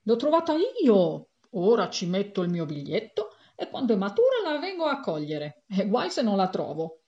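A woman voicing an excited male passenger in a storybook who calls out boastfully. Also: mid-range voice, normal speed, roomy sound, highs cut off.

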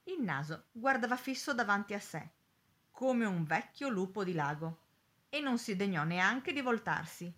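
A woman narrating a storybook in an expressive, lively way. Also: mid-range voice, normal speed.

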